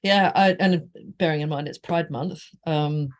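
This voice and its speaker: A woman's voice: sits low, steady tone, measured pace, muffled recording. A middle-aged woman from Australia, an author being interviewed, talking casually with many fillers and frequent laughter. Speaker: author guest.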